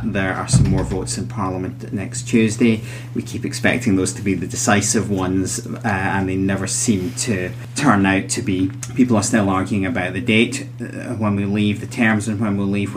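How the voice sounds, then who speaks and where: A man's voice: fairly low pitch, a little hiss or hum. A man hosting a psychology podcast in conversational style, chatty, with wry asides, in a recording room with guests.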